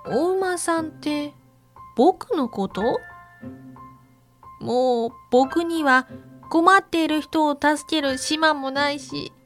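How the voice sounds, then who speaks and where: A woman voicing a cheerful young male zebra with a bright, childlike manner. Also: high voice, expressive, slow pace, pauses often, full character voice. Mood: tearful. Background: faint music.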